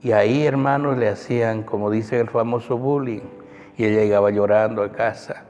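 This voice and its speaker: A man's voice: fairly low pitch, fairly even intonation, normal speed, darkish tone, dull audio. A male pastor preaching a sermon in an emphatic way, often calling out to the brethren in a church. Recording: long church reverb, faint music.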